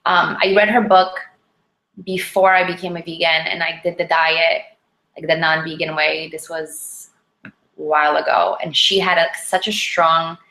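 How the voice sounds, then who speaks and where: A woman with a Polish accent chatting casually and informally, in an animated, rambling way, as an interview guest. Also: deep voice, moderate pace. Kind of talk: casual chat about diet. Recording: echoey, roomy sound.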